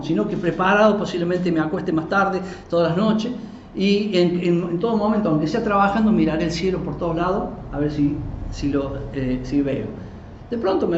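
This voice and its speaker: A man who is a pastor, giving a live Bible teaching in a conversational, animated way and acting out quoted voices. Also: a little high. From Argentina. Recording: roomy, dull live recording with faint noise.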